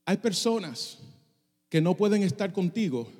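A man's voice: high voice, lively intonation, a little slow, a little mellow, big-room sound. A middle-aged male pastor preaching a passionate sermon, dropping English phrases into his Spanish. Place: church sanctuary.

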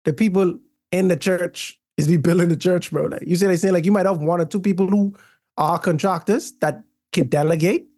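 A man's voice: sits high, steady tone, a little fast, warm tone. A man with a Caribbean accent co-hosting a casual chat, colloquial and slangy, often checking that he is followed. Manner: colloquial, slangy, uses rhetorical check-ins. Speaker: podcast co-host.

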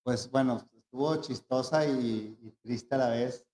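A man's voice: mid-range voice, unhurried, a little mellow. A man with a Mexican accent, a tattoo artist casually telling anecdotes and acting out the people in them, with frequent restarts. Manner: storytelling, acting out quoted voices, frequent restarts. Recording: roomy echo.

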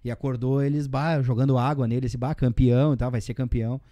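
Fast-talking southern Brazilian man. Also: mid-range voice, level tone, warm tone, no room sound. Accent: Rio Grande do Sul Portuguese. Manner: rambling, tag questions and slang fillers. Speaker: guest. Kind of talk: casual interview storytelling.

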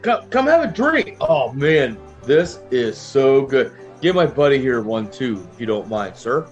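A man's voice: mid-range voice, sing-song, unhurried, dull audio, soft background music. A man playing a friendly, rambling adventurer in a tabletop game, talking like a jovial town drunk. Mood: jovial, tipsy. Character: friendly, rambling wandering adventurer, happily drinking in a tavern. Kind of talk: improvised tabletop role-play.

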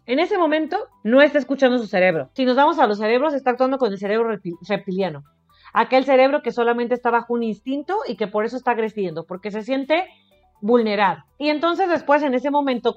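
A woman with a Mexican Spanish accent speaks as an education expert on a radio show. She is earnest, repeats her words and keeps asking the listener rhetorical questions. Her voice comes through a little dull, with soft music underneath. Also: a little high. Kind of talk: radio advice talk. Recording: slightly muffled radio audio with faint music.

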